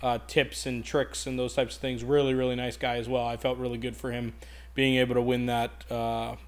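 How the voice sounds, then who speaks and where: A man co-hosting a casual podcast chat, telling animated, profanity-laced stories about his games. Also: mid-range voice, a little fast. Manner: animated, profane ranting storyteller. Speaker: podcast co-host.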